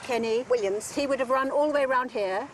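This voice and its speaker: A woman's voice: high-pitched, a little fast, faint music behind, low-quality recording. A woman reminiscing about a film shoot in an interview, chatty and rambling. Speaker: actress recalling a film shoot.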